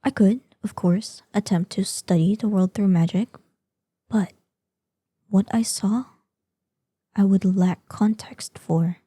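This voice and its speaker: A woman playing an ancient, proud and curious female dragon in an audio roleplay, speaking softly in formal, old-fashioned phrases. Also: mid-range voice, husky, no room sound. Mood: thoughtful, courteous. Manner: formal, archaic, deliberate phrasing. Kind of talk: scripted audio roleplay addressed to the listener.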